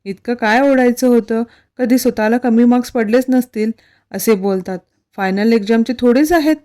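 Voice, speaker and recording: A woman's voice: fairly high pitch, moderate pace, dark tone, natural voice. A woman voicing a playful young married student who coaxes and pouts. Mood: annoyed.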